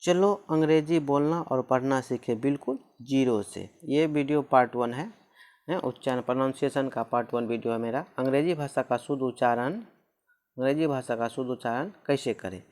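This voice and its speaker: A man's voice: medium pitch, fairly quick, a little mellow. A man teaching a lesson on pronunciation rules, repeating each rule and spelling out words letter by letter.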